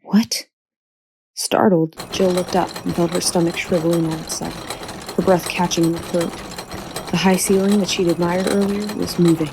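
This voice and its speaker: A woman's voice: on the low side, level tone, normal speed, noisy background. A woman narrating a horror audiobook with tense, dramatic storytelling. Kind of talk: scripted narration.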